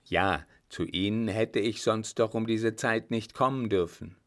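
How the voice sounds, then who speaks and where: A man voicing an old, blunt field marshal who talks loudly and teases, with a gravelly low voice. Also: unhurried. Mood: gruff, bantering. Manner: loud, brusque, bantering.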